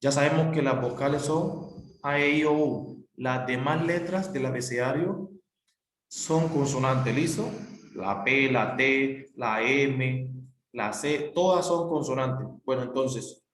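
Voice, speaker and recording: A man's voice: medium pitch, takes it slowly, fairly bright tone, slight background noise. Patient male teacher in an echoey room. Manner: patient, repetitive, spells out letters. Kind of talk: recorded classroom explanation.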